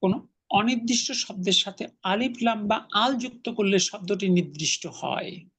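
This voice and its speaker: A man's voice: high-pitched, moderate pace, fairly bright tone, slightly rough. A man teaching an Arabic class online, patiently explaining grammar and correcting his students' pronunciation.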